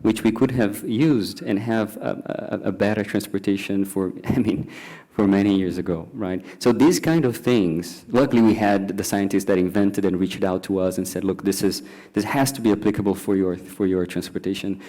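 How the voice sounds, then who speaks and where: A man talks through his points at a panel discussion, often pausing on fillers and restarting phrases. His voice sits low and sounds warm and mellow. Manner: hesitant, many fillers and restarts.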